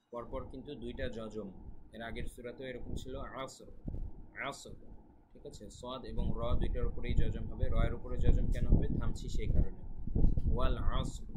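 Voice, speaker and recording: A man teaching Quran recitation, explaining pronunciation patiently and chanting verses slowly at home. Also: medium pitch, very noisy.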